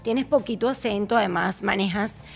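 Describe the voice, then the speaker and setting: A woman's voice: mid-range voice, normal speed, gravelly. A woman hosting a casual interview, asking questions and encouraging her guest with frequent affirmations. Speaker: interview host.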